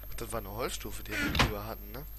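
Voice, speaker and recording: A let's player gives casual gameplay commentary in a fairly low, fast voice with huge swings in pitch, muttering and grumbling through colloquial exclamations. It's a clearly noisy home recording with clicks.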